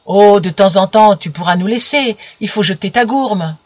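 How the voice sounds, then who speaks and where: A woman's voice: medium pitch, moderate pace, a little mellow, no echo, close to an everyday voice. A woman doing a fussing old peasant mother. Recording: dull lo-fi recording.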